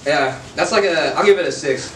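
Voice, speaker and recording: Young male host, high voice, casual group chat, roomy and distant with clear background noise. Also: brisk. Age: young adult. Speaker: challenge host. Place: outdoor patio table, group before camera. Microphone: far camera.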